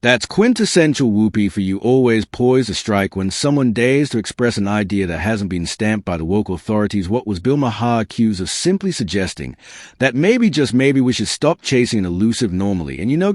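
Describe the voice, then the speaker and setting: Low, dry-recorded sardonic male narrator. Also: darkish tone, no room sound. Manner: sardonic, mocking. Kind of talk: scripted commentary narration.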